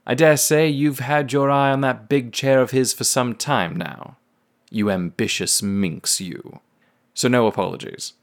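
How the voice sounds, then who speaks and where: A man playing a war veteran who writes a letter to his sister and speaks with wry, old-fashioned phrasing. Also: lowish voice. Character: wry male war veteran, heir to a family firm. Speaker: narrator reading a letter. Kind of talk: radio drama narration.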